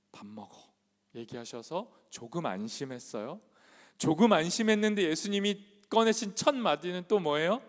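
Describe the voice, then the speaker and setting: A man preaching as a youth pastor in a church, conversational and asking the congregation many questions, with a long hall reverb. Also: on the high side. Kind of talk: sermon. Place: church sanctuary.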